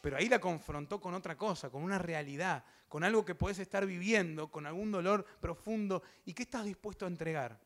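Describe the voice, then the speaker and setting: Speaking in a high voice, fairly quickly and with hardly any pauses, a young Rioplatense-accented preacher shares his testimony from the pulpit. He acts out quotes, adds sound effects, and talks straight to the congregation.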